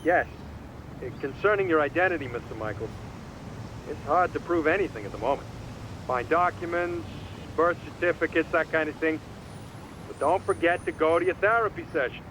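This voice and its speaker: A man's voice: fairly high pitch, normal speed, fairly bright tone, slight background noise, natural voice, low-quality recording. A man voicing a pragmatic, encouraging lawyer in a video game, matter-of-fact and cajoling. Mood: advising.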